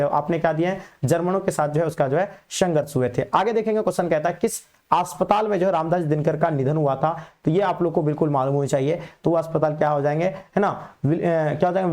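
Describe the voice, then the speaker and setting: A man teaching an exam revision lesson, quizzing students in a brisk, repetitive way and calling them "babu". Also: on the high side, darkish tone.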